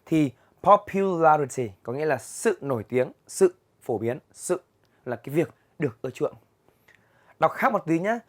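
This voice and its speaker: A young man with a Vietnamese accent teaching English vocabulary, patiently explaining words and reading them aloud slowly in a classroom. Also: a little high, expressive. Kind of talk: vocabulary lesson for students. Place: classroom with a chalkboard.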